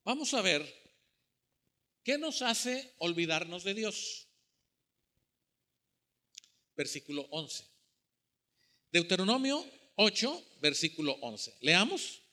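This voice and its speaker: A man's voice: high voice, big pitch swings, slow, pauses often, sharp tone. A man preaching a sermon to his congregation, telling a story and acting out the voices of people in it. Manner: storytelling, addresses congregation as brothers, acts out quoted voices. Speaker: pastor.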